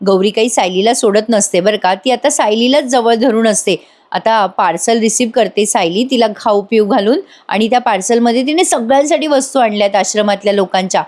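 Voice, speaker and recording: A woman's voice: fairly high pitch, a little fast, a little mellow. A woman giving a chatty voice-over recap of a TV serial, addressing her viewers directly. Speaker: serial reviewer. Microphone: close mic voice-over.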